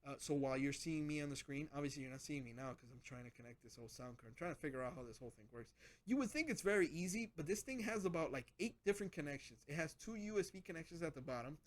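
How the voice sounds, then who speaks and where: A man's voice: on the high side, lively intonation, fast. A man hosting a casual gadget vlog, rambling with lots of restarts as he explains his setup. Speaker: channel host.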